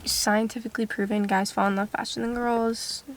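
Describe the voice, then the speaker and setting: A woman's voice: fairly high pitch, level tone, moderate pace, background noise. A young woman, a student, chatting and laughing with her boyfriend in a couple's vlog, reading out questions. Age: young adult. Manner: giggly, reads out questions, fillers. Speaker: vlogger, girlfriend, student. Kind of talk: casual couple chat.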